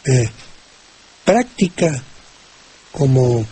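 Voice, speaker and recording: An older man with a Mexican Spanish accent, explaining word usage on a radio call-in show, slowly, with many restarts and fillers. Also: medium pitch, big pitch swings, mellow. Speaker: language expert answering listener questions. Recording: old radio recording with faint hiss.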